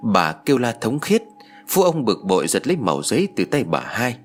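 A man narrating an audiobook story in an expressive storytelling manner. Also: medium pitch, a little fast, soft background music.

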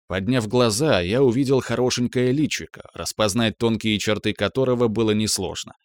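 Мужчина, спокойная аудиокнига. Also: male voice, on the low side, normal speed, no room sound, studio quality. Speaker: narrator. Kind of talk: audiobook narration.

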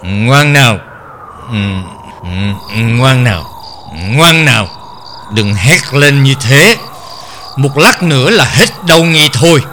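A man's voice: mid-range voice, animated, slow, pauses often, pushed and bright, slight background noise. A man voicing a cruel mother who coaxes her daughter and speaks with cold menace. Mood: coaxing. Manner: coaxing then coldly menacing.

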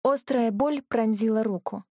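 A woman reading a first-person fantasy audiobook in a measured, earnest way. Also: on the high side, darkish tone, no room sound, studio quality. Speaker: audiobook narrator.

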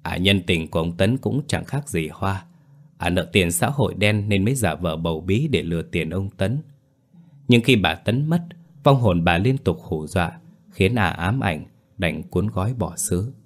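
A man's voice: deep voice, lively intonation, moderate pace. A man narrating a scripted horror story in a grave, dramatic way.

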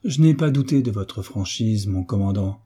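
A man's voice: on the low side, expressive, moderate pace, mellow, slightly rough. A man voicing a young duke, earnest and somewhat hesitant.

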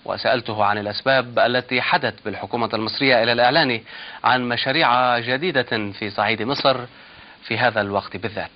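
An old archived radio broadcast carries a man's voice, distant and quiet. He presents a formal news report in a slow, measured way. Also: mid-range voice, fairly even intonation, dull audio.

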